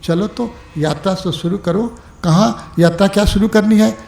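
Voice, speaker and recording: A man with a high, gravelly voice delivers an evening spiritual discourse, calling his listeners "my dear" and "my brother". He moves between rising exhortation and soft, unhurried asides. The sound rings with the echo of a hall. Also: slight background noise. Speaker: spiritual teacher.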